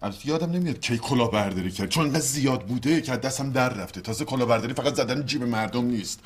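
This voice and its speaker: An actor playing an irritated, sarcastic younger brother. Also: male voice, medium pitch, lively intonation, lightly acted. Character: exasperated younger brother caring for his father. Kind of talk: TV comedy drama.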